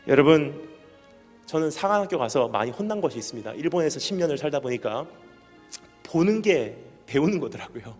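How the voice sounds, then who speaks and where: Animated male pastor preaching in a hall. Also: fairly high pitch. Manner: animated, asks the congregation questions, acts out stories. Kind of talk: sermon. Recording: reverberant hall with background music.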